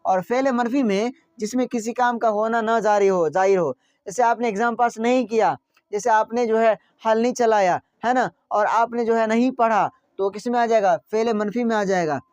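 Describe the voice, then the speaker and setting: A man's voice: high voice, moderate pace, a little mellow, clean tone, no echo. A man teaching a grammar class, repeating each point and quizzing his listeners with questions. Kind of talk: classroom lesson explaining grammar. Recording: dry, dull lo-fi sound.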